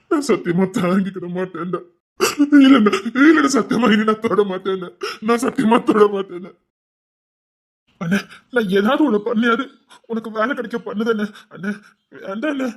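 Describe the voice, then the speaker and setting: A man's voice: high voice, breathy edge. A man playing a sobbing, pleading Tirunelveli brother. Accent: Tirunelveli Tamil. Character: grown man in a family, tearful and remorseful. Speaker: brother in a family. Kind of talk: emotional web-series drama acting.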